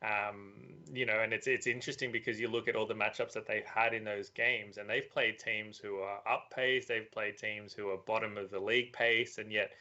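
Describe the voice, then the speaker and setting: A man talking as a sports betting analyst, giving a measured, analytical preview with frequent fillers. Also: on the low side, flat delivery, bright, forceful tone. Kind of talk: casual betting preview chat. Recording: dull lo-fi audio.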